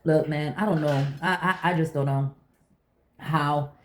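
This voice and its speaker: In an echoey room with a little hiss or hum, a woman vlogger shares personal stories in casual conversation. Her voice is low-pitched and steady, the pace measured, and she drives her points home emphatically through repetition.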